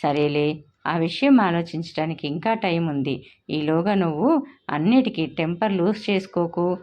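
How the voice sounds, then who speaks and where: A woman voicing a sensible female friend in a storybook reading, speaking softly and calmly. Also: lowish voice, moderate pace, natural voice. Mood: soothing. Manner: soft and reasoning.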